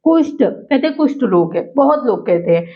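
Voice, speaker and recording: A woman teaching a spoken grammar lesson to students, repeating each word slowly and carefully to drill its pronunciation. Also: on the high side, very animated. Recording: dull lo-fi recording.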